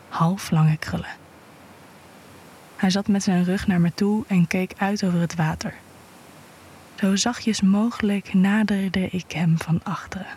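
A woman reading an intimate erotic story aloud in a hushed voice that often drops to a whisper. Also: on the low side, breathy edge. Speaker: narrator.

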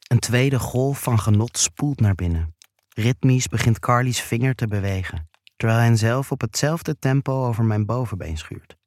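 A man reading a first-person erotic story aloud in a slow, hushed, intimate way. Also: mid-range voice, dry recording, studio quality. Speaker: narrator.

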